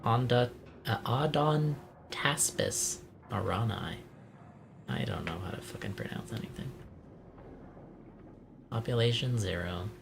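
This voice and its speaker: Gravelly man reading game text aloud. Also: medium pitch, a little slow, pauses often, noisy background. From Italy. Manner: reads in-game text aloud, self-mocking. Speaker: let's play streamer. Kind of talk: casual game commentary.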